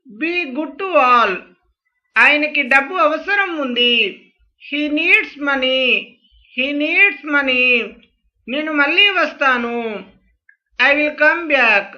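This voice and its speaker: Teacher voice, high-pitched, very slow, each phrase repeated twice, sharp bright tone. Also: lo-fi sound. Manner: says each English phrase twice, slowly and clearly. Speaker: spoken English teacher.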